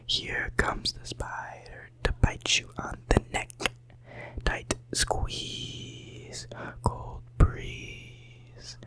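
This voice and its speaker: A hoarse, slightly sick ASMR creator in their late teens whispers extremely slowly. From home, close to the mic, they ramble casually and repeat words softly.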